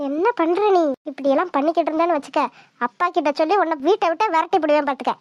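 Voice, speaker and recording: A woman voicing an exasperated, high-pitched young woman. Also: very fast, no room sound, highs cut off. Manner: protesting, pleading, irritated.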